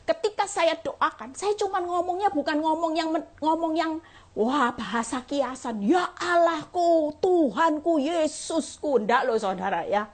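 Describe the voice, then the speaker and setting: A middle-aged woman evangelist giving an earnest, encouraging sermon and testimony, often calling listeners "saudara" and fading soft at the ends of phrases. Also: high voice, moderate pace. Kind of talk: sermon shared on a livestream.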